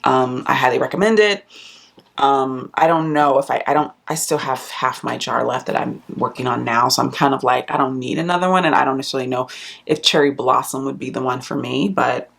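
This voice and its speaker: A beauty vlogger chats casually about new makeup releases, rambling with fillers and restarts, her pitch jumping up whenever she stresses a point. She talks a little fast, with vocal fry and a somewhat bright tone.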